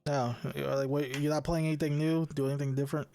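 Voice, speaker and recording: A man's voice: on the high side, little pitch movement, fast talker, dark tone, faint music behind. A young man hosting a casual podcast chat, rambling with lots of restarts, swearing and laughing. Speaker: podcast host.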